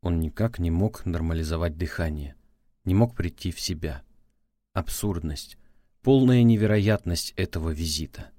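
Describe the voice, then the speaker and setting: A man narrating an audiobook in a steady, measured storytelling manner. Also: deep voice, dry recording.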